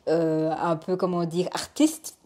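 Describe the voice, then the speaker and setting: Woman host, warm mellow voice, lots of yeah and agreeing. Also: lowish voice, flat delivery, a little slow. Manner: affirming, frequent backchannel. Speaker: podcast host. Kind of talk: casual interview talk.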